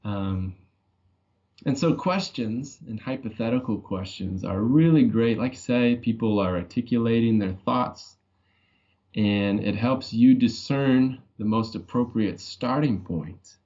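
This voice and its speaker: A man's voice: medium pitch, a little slow, warm tone. A male guest speaking in a conversational podcast interview, earnest and reflective, working through hypothetical questions. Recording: dull lo-fi audio.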